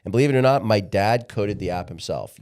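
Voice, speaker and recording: A man's voice: lowish voice, expressive, darkish tone. A man of sixty, a podcast guest talking candidly in a casual interview, often restarting his sentences. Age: 60s. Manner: candid, halting, repeats words when restarting.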